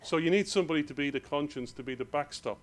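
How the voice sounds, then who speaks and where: A man with an Irish accent, giving a hurried conference presentation in a hall. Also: fairly high pitch. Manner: rushed, hurried delivery. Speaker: conference speaker.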